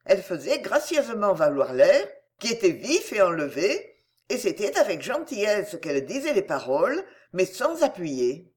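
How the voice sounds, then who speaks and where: A woman reading a novel aloud in an expressive narrating style. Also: mid-range voice, a little slow. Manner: expressive, varied intonation. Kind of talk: audiobook narration.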